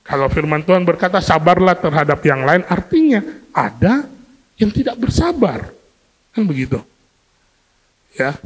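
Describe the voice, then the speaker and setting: A man preaching a sermon to a congregation, lively and questioning, acting out everyday scenes to make his point. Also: high voice, normal speed, pauses often, breathy edge. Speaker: pastor. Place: church hall. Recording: long hall reverb from a church.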